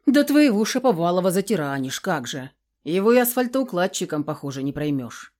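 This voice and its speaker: A woman voicing a gruff, hot-tempered middle-aged father who grumbles and bursts into roaring shouts, in an audiobook. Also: lowish voice, big pitch swings, fairly quick. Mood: grumbling.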